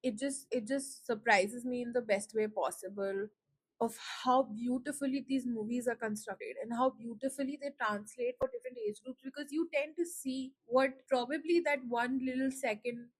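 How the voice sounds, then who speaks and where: A woman's voice: a little high, normal speed, breathy edge, no echo. A woman hosting a solo podcast, talking in a reflective, rambling way with many fillers and her voice choking up with emotion. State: choked up, close to tears. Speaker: podcast host. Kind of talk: casual solo podcast talk.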